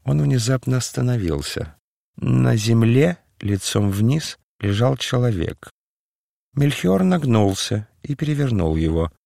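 A man reading a literary audiobook as narrator, in a measured, solemn way. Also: medium pitch, animated, gravelly, warm tone, no echo, studio quality.

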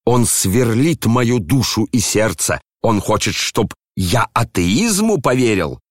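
A man's voice: low-pitched, lively intonation, slow, dry recording, studio quality. A man voicing an old, proud general who rants and bellows in outrage. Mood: ranting.

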